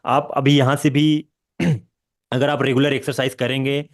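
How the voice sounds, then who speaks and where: A man's voice: medium pitch, little pitch movement, a little slow. A man talking as a physiotherapist in a casual conversation, instructive and reassuring.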